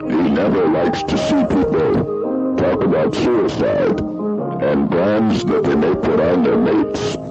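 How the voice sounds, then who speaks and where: A man playing a pompous, addled old army general who talks in a deep, slow, deadpan monotone full of absurd military bluster. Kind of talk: 1980s home-made comedy tape. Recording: muffled lo-fi cassette tape.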